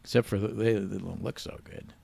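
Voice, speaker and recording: A man's voice: on the low side, steady tone, fairly quick, vocal fry, mellow. A man hosting a radio quiz show, teasing the caller with dry wisecracks. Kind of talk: joking quiz banter.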